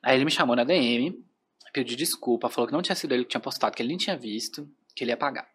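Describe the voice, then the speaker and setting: A man from Brazil with a Brazilian Portuguese accent, a podcast guest telling an animated story in casual chat, full of filler phrases. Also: medium pitch, rapid-fire, slightly rough.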